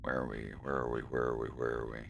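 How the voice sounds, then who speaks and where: A man's voice: rumbling low, level tone, fast, gravelly, slight background noise. An American man from Florida in casual, rambling stream chat. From Florida, United States. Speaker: animator and streamer.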